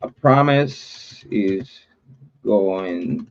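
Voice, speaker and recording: This livestream host, a native Spanish speaker from Puerto Rico, has a low, slightly mellow voice with lively intonation, heard through dull audio. His casual chat is rambling and drawn out, full of fillers and the odd swear word.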